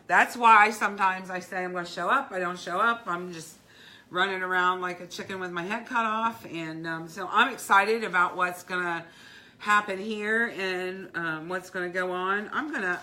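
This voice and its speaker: Middle-aged woman, low and bright voice, rambling heartfelt craft-livestream host. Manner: heartfelt, rambling, many fillers and restarts. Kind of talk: casual live-stream chat.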